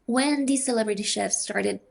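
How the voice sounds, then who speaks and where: A woman from Peru, explaining her academic research in a measured, thinking-aloud way as a podcast interview guest. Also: fairly high pitch, creaky.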